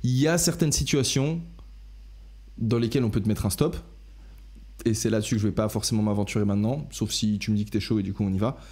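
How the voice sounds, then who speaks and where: A man's voice: lowish voice, quick pace, darkish tone. A young man hosting a casual podcast discussion, rambling through his ideas with many restarts and self-corrections. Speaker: podcast host.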